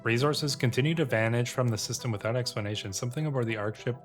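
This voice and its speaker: A video game streamer and host gives casual commentary in a fast, medium-pitched male voice, thinking aloud tentatively and occasionally reading game text out. Game music plays in the background.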